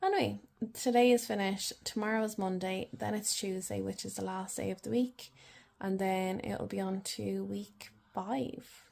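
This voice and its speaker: Chatty Irish woman with a gravelly creak. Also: medium pitch, fairly even intonation, normal speed, few pauses, darkish tone, a little hiss or hum. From Ireland. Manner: rambling, chatty. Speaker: vlogger. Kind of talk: casual video diary chat.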